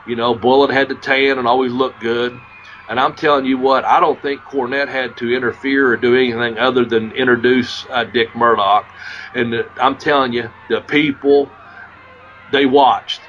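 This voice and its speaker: A man's voice: mid-range voice, steady tone, moderate pace, a bit bright, lo-fi sound, a little hiss or hum. A man hosting a podcast and telling wrestling stories in a rambling, profane way, losing his voice a little. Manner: rambling, profane, restarts often. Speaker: podcast host, former wrestler. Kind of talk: casual storytelling.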